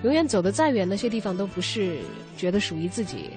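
A woman hosting a radio show, chatting casually and reflectively with a co-host, often ending phrases on soft particles. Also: mid-range voice, expressive, quick pace, music in the background. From China, outside Beijing. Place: radio studio.

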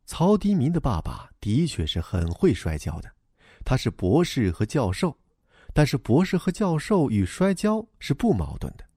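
A man's voice: mid-range voice, wildly swooping pitch, moderate pace, dark tone, husky, dry recording, clean studio sound. A man reading a storybook aloud as narrator, in a wry, playful way.

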